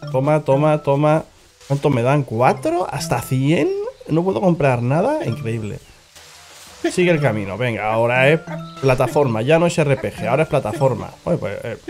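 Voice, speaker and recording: A man's voice: mid-range voice, a little mellow. A man with a Spain Spanish accent, playing a video game and joking and swearing as he reacts to what happens on screen. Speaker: gaming channel host. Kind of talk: casual let's-play commentary.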